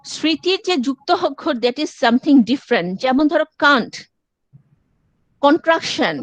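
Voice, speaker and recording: Woman lecturer, high voice, dry close sound, step-by-step teaching with English asides. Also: animated, unhurried, fairly bright tone, no echo. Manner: explains step by step, mixing in English phrases. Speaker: university lecturer. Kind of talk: classroom lecture.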